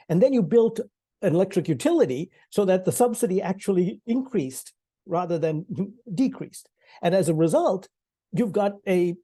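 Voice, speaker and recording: A man's voice: sits high, warm tone, breathy edge. A man in his sixties from Sri Lanka, speaking on an online panel in a conversational way, with frequent fillers and restarts. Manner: conversational, many restarts and fillers, laughs lightly.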